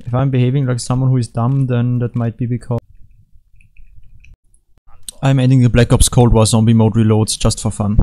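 A man giving rambling, deadpan, joking commentary over video game footage from his computer at home. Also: mid-range voice, moderate pace, long pauses. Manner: deadpan, rambling, jokey asides. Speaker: gaming commentator.

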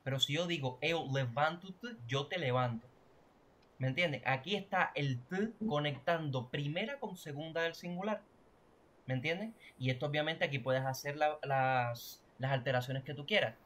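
A man's voice: fairly high pitch, moderate pace, a bit bright. Chatty man teaching grammar. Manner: explanatory, checks understanding often. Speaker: Portuguese teacher. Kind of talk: online language lesson.

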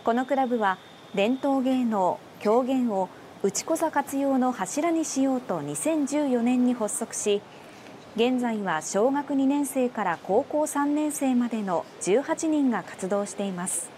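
A woman's voice: on the high side, lively intonation, measured pace, a little mellow, slight background noise. A woman news announcer reading a scripted report in a formal style.

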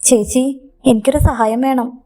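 A woman voicing a nervous young schoolboy in a storybook reading, speaking in a hushed, low voice. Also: fairly even intonation, a little slow.

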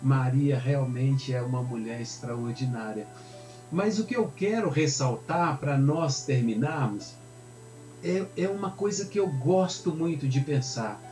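A man's voice: mid-range voice, lively intonation, a little slow, darkish tone. A man, a pastor explaining a Bible passage in a conversational way, in a roomy space with faint music behind. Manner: explanatory, conversational, uses tag questions. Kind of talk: Bible teaching sermon.

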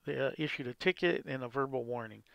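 A man's voice: mid-range voice, fast, gravelly, a bit bright, clean tone, no room sound, muffled recording. A man hosting a gameplay video, explaining casually and rambling as he plays. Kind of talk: casual game commentary.

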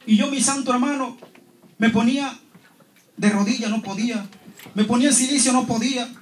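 Churchgoer man with a very high voice, impassioned testimony, roomy hall echo. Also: a little fast. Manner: impassioned, keeps addressing the congregation as holy brothers. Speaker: church member giving testimony.

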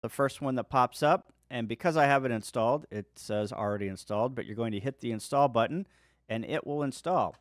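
Man giving a dry-sounding software walkthrough. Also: medium pitch, fairly quick, no room sound. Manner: relaxed step-by-step walkthrough. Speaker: ham radio video host. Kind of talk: screen-share software tutorial.

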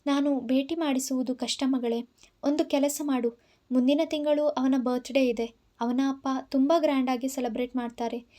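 A tender old mother figure from an audio story, speaking gently with a soft, affectionate lilt, as a woman narrator voices her. Her voice stays high and light even when she reassures. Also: moderate pace, natural voice. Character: gentle elderly mother, soft-spoken and loving.

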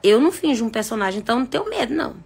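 A woman's voice: on the high side, big pitch swings, racing, gravelly, a little mellow, husky. A woman hosting a live stream, talking frankly with jokes and asides, shifting her pace for emphasis. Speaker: psychic live-stream host. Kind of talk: casual live-stream chat.

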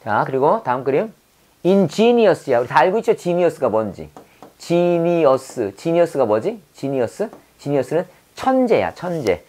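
A woman with a notably low voice leads a vocabulary lesson. She stretches English words out syllable by syllable and repeats them several times. Between the words she keeps asking her viewers quick quiz questions. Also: very animated, dark tone. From South Korea. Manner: repeats words and quizzes the viewer, drawn-out pronunciation drills. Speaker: English teacher. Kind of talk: vocabulary lesson with mnemonic wordplay.

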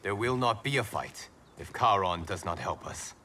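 A man's voice: on the low side, moderate pace, bright, forceful tone, far from the mic, a little hiss or hum. A man voicing an anxious young monk warrior in a video game, asking worried questions. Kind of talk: video game cutscene acting.

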